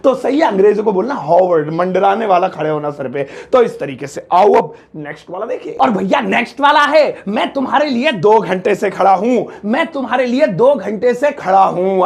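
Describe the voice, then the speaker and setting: Indian male English tutor, high gravelly voice, playful classroom patter, slow careful example sentences. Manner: jokey, chatty, slows down to spell out English sentences. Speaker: English teacher. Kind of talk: spoken English lesson in Hindi.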